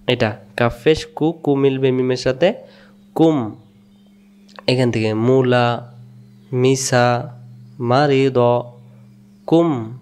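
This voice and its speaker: A man from Bangladesh with a Bangladeshi Bengali accent gives a Quran reading lesson at a very unhurried pace. His voice is smooth and clear, and he drills syllables again and again, posing quiz questions and answering them himself. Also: mid-range voice, a little mellow. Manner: drills syllables aloud, repeating each several times. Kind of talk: slow spelled-out recitation lesson.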